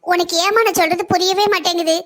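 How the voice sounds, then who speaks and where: Figure: weary trapped woman, cartoon voiced by a woman. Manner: hushed, gentle, resigned. Pitch: very high. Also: fairly even intonation, fast. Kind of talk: cartoon story voice acting.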